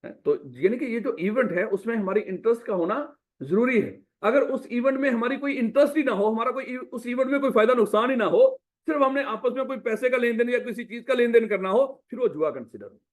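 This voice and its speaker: A man's voice: extremely high pitch, fairly quick, few pauses. A man teaching a revision class in business law. He asks the class questions, answers them himself, and calls the students "my child". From Pakistan.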